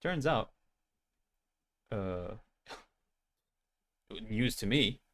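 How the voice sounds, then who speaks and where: A man with a youthful-sounding voice that still sits a little low, talking casually to his viewers as he wraps up a game stream. He rambles in a loose, self-deprecating way, speaking straight to his chat. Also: lively intonation, very slow, a bit bright. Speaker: game streamer with an animated avatar.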